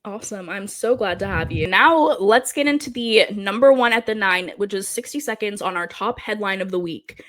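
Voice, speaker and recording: A woman's voice: medium pitch, lively intonation, normal speed, few pauses, fairly bright tone, slight background noise. A woman hosting a hockey podcast in a chatty, upbeat way, her voice worn from losing it. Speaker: podcast host. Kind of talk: casual podcast chat.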